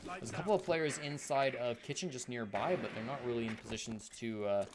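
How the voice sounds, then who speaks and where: Guy casting esports play by play, talks really fast, noisy recording w/ clicks. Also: medium pitch. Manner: esports caster delivery, running account of the action.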